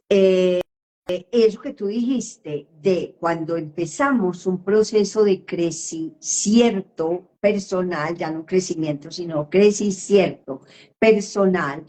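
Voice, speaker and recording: A woman therapist answering questions in a live online session, speaking slowly and emphatically and often checking in with her listener. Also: mid-range voice, mellow, a little hiss or hum. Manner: slow, emphatic, with frequent question tags.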